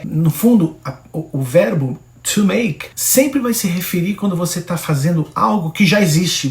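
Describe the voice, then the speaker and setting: A man from Brazil leads an English lesson drawn from Bible verses, talking straight to the viewer and urging them to practice. His voice sits a little high for a man, and the room throws back a noticeable echo. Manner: animated, coaching, direct address to viewer. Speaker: English teacher.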